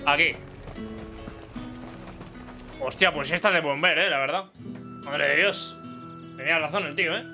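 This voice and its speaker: Slangy Spanish gamer, slightly high male voice. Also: normal speed, long pauses, pushed and bright. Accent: Spain Spanish. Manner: slangy, jokey, talks back to characters. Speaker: gamer hosting a playthrough. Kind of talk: casual gameplay commentary. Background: game music and dialogue.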